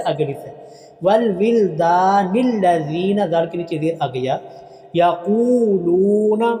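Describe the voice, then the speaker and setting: A male Quran teacher with a Pakistani Urdu accent works through a lesson, chanting each phrase in slow, drawn-out syllables before correcting the pronunciation plainly. His voice is dark and mellow. The recording rings in an echoey room with long reverb. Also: on the high side. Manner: drawn-out, slowed recitation of each phrase, then calm correction. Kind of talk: slow tajweed lesson, reciting then explaining.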